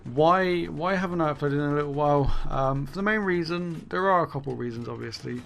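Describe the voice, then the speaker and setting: This gaming YouTuber has a gravelly, somewhat bright voice on the high side, and he talks briskly against slight background noise. His casual monologue wanders and doubles back on itself; he curses, then laughs. His voice is worn out and fading away.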